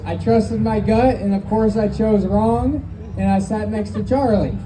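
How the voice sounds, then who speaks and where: A woman's voice: mid-range voice, measured pace. Woman doing stand-up, noisy live recording. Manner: profane, conversational, acts out quoted dialogue. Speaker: first-time open mic stand-up comedian. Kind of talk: stand-up comedy storytelling. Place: live open mic venue.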